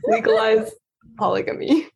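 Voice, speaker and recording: A woman's voice: fairly high pitch, lively intonation, normal speed, vocal fry, darkish tone. A woman podcast panelist chatting casually with a wry, joking manner. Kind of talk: casual chat.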